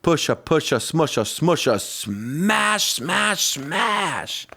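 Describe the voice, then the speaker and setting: Male picture-book reader, slightly high voice, unhurried delivery, playful stress on rhymes and sound words. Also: sing-song, gravelly, pushed and bright. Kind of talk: expressive read-aloud storytelling of a rhyming picture book.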